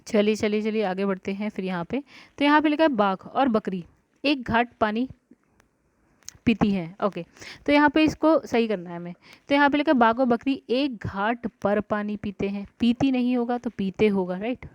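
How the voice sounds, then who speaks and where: A woman's voice: mid-range voice, fairly quick, darkish tone, no room sound. Woman teaching grammar, dry lo-fi sound. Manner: talks through answers aloud, often saying "ठीक है" and "guys". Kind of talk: exam-prep grammar lesson. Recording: dry, dull lo-fi recording.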